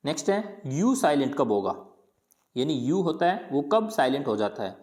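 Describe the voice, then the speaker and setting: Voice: medium pitch, big pitch swings, moderate pace, darkish tone. Patient teacher drilling pronunciation. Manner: asks a question, then answers it with repetition; colloquial, patient drilling of words. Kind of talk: explanatory lesson.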